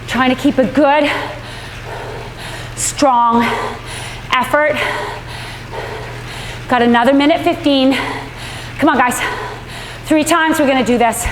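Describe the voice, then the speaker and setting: A high-pitched woman leads a workout while cycling hard herself. She speaks slowly in short, effortful, urging phrases. Her voice rings through a very echoey, noisy room. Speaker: indoor cycling coach. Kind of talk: live workout instruction. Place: indoor room with large windows, on a stationary bike. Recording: echoey room, clear background noise.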